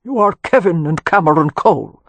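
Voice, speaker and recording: An audiobook reader takes on a haughty old Irish earl with an Anglo-Irish accent, cold, commanding and dismissive. The character's voice sits a touch higher and louder than the narration, with a husky edge, expressive and a little fast. The sound is dry, with no echo or room around it.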